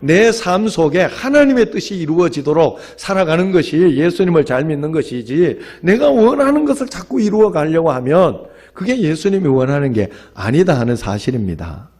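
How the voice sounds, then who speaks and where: A male pastor with a Gyeongsang accent preaches an evening sermon in a church. His voice sits somewhat high, and he tells stories and then turns to the congregation with rising, emphatic questions. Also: big pitch swings, moderate pace, a little mellow. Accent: Gyeongsang Korean. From Gyeongsang region of Korea. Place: church sanctuary.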